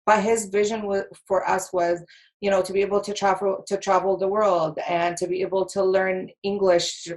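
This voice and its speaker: A woman's voice: mid-range voice, level tone, moderate pace, a little mellow. Bubbly Egyptian-born woman guest. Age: 30s. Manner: bubbly, laughs easily, many fillers. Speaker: podcast guest. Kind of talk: casual interview talk.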